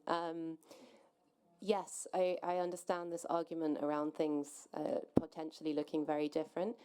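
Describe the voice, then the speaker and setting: A woman facilitating a panel discussion, jumping in briskly and directly before passing the floor. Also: deep voice, vocal fry, mellow. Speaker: panel moderator.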